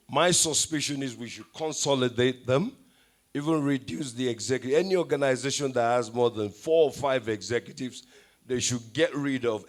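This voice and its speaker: Nigerian man giving a wry event speech. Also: medium pitch. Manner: anecdotal, wry, switches into Pidgin asides. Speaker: event speaker. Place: event hall.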